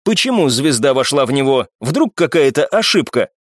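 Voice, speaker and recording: Male audiobook narrator, expressive, animated, slightly high voice, dry close recording. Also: moderate pace, no room sound. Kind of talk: scripted narration.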